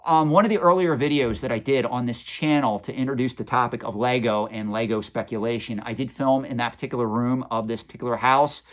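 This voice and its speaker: A man's voice: medium pitch, steady tone, brisk, few pauses. Forties guy doing a q&a vlog, blunt opinions, bit sarcastic, plain mid voice. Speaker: collectibles channel host. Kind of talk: Q&A vlog answering viewer questions.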